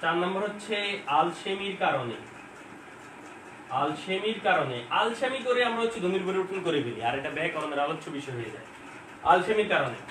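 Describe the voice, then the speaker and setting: Teacher, male, fairly high voice, chatty lecture style that poses and answers its own questions, recorded at a distance. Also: lively intonation, a little fast. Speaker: exam-prep teacher. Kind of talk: informal online lecture. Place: home. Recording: echoey room, far from mic, faint hiss.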